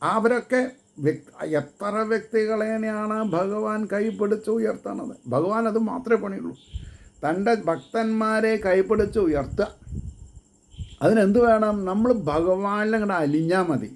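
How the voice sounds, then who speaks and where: A man giving a devotional discourse, chanting verses slowly and then explaining them in quick bursts. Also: high voice. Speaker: devotional speaker.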